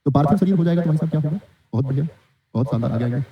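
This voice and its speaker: Man teaching an exam-prep class, very fast speech, asks and answers his own questions, muffled lo-fi sound. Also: on the high side, animated, a little hiss or hum. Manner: quizzing, answers his own questions, reads student comments. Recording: dull lo-fi sound.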